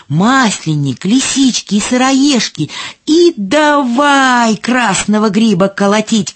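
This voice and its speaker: A woman reading a children's fairy tale in a slow, expressive storytelling manner. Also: mid-range voice, husky.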